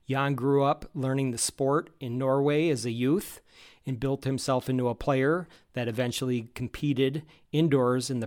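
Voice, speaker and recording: A man reading a scripted podcast introduction that lists a guest's credits in a steady announcing tone. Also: medium pitch.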